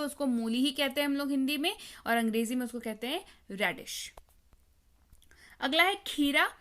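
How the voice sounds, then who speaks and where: A woman's voice: high voice, a bit bright. A woman teaching a vocabulary lesson, patiently repeating each word and quizzing the listener. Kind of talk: spoken English vocabulary lesson.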